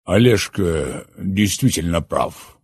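A man voicing a calm, gentle older father who speaks unhurriedly. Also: deep voice, takes it slowly, slightly rough, no room sound, clean studio sound, exaggerated voice.

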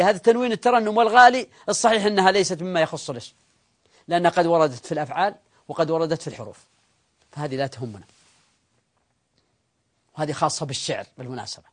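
Guy teaching grammar class, kinda high voice, explains slow step by step, asks the students stuff. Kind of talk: live classroom grammar lesson.

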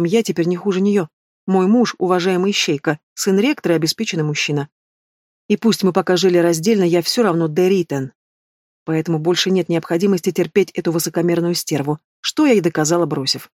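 A woman reading a first-person fantasy story in an even, measured way. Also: lowish voice, no echo, studio quality. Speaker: audiobook reader.

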